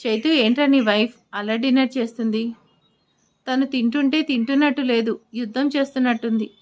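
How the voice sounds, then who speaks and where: A grumbling older father-in-law who nags and scolds his son, voiced by a woman narrator. He complains in a fairly high voice. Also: fairly even intonation, fairly quick, close to an everyday voice.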